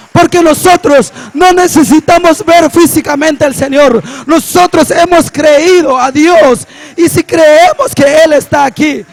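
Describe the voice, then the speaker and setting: A young man preaching a passionate sermon, often shouting and drawing out his words for emphasis. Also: very high-pitched. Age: young adult. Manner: impassioned, often shouting, slow drawn-out emphasis.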